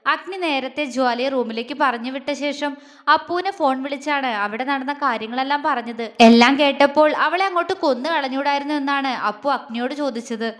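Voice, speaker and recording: A woman storyteller narrating a scripted romance story in a steady, even storybook reading. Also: high-pitched, fairly quick. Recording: long reverb.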